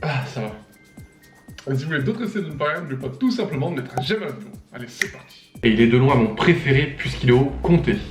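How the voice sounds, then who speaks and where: A young man hosts a reaction video over music, talking fast at a medium pitch. He's animated and laughs often, reading captions aloud and then mocking them in casual YouTuber commentary, recorded in an echoey room.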